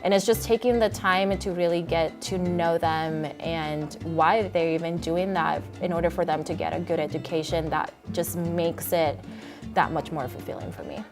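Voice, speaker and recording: A woman's voice: sits low, fairly even intonation, normal speed. Earnest woman teacher over music. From Puerto Rico. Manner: earnest, reflective, with frequent um fillers. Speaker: high school Spanish teacher. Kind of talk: interview talking about teaching. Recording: music playing underneath.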